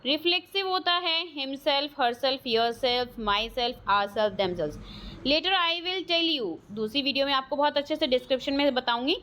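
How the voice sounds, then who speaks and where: Slow-speaking Indian woman teaching grammar. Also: high voice, animated, fairly bright tone, slight background noise. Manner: slow, drawn-out, checks understanding with "clear?". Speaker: English teacher. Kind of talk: grammar lesson mixing Hindi and English.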